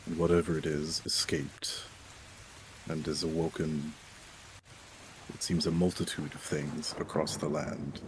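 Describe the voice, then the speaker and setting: Player, man, very low and slow, faint hiss behind. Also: little pitch movement. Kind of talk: narrating a tabletop game.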